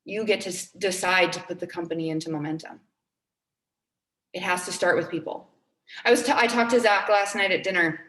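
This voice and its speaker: A woman's voice: lowish voice, steady tone, fairly quick, fairly bright tone, echoey room. A woman in her twenties giving a motivational talk to her team, earnest and upbeat, repeating key phrases for emphasis. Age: 20s. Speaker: team trainer.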